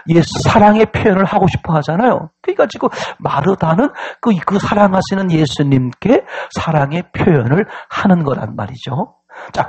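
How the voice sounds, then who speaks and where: A male pastor preaching an animated sermon, often turning to the congregation with questions that ask for a response. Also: fairly high pitch, husky, lo-fi sound.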